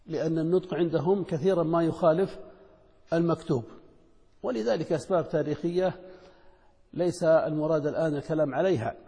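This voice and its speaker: A man teaching a lesson in a measured, explanatory way, posing questions and answering them himself. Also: fairly high pitch, warm tone. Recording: long hall reverb.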